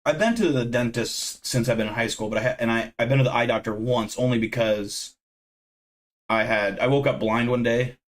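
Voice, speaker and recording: Chatting casually with his live-stream viewers, a man in his thirties drifts from one thing to the next, profane and self-deprecating. His mid-range voice has fairly even intonation and a moderate pace.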